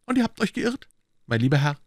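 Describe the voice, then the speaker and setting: A man reading aloud puts on a proud young musketeer, disdainful and icy behind his polite words. The voice rides well above the reader's own and swings high and low, heard close and dry. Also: expressive, normal speed, no room sound. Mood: haughty. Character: young male musketeer, cold and haughty. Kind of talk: audiobook character voice.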